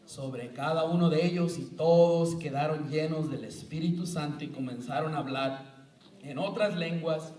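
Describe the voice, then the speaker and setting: A man's voice: on the high side, slight background noise. A man preaching at a church retreat, acting out little scenes and often checking in with his listeners. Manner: animated, acts out scenes, keeps asking the audience "¿verdad?". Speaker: retreat speaker. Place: church hall. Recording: roomy echo, speaker far from the mic.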